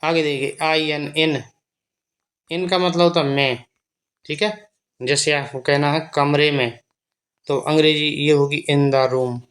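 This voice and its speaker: A man's voice: a little high, steady tone, takes it slowly, long pauses, fairly bright tone. A man teaching beginners to read English words in a Hindi accent, spelling each word letter by letter and repeating its meaning. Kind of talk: slow spelling and reading lesson.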